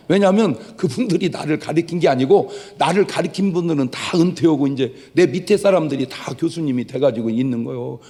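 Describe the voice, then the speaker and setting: Joking pastor in an echoing church. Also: male voice, on the high side. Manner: lively, joking preacher who acts out quoted voices. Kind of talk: sermon. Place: church sanctuary.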